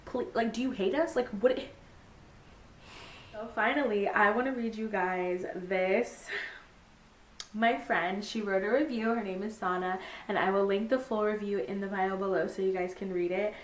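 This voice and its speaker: A young woman talking casually about a book she read, gushing and animated, full of "like" and fillers. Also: normal speed. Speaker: book vlogger. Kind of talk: casual book review chat. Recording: echoey room, faint rumble.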